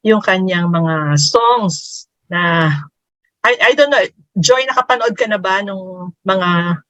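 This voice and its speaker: A woman's voice: mid-range voice, slow pace, fairly bright tone, dry recording, rough recording. A woman in her fifties, co-hosting a casual podcast chat, who laughs often and switches between Tagalog and English. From Philippines. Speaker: podcast co-host.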